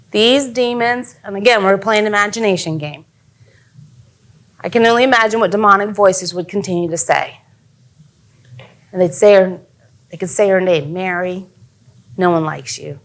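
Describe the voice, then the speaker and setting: A young adult woman giving a casual, earnest youth sermon as a youth pastor. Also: medium pitch.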